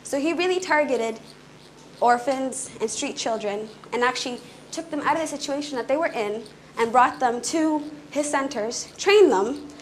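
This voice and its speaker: A young woman who grew up in Canada gives an earnest, fluent public talk on stage in a small indoor room, speaking quickly with brief restarts. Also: high voice, slight background noise, low-quality recording. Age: young adult. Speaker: conference speaker.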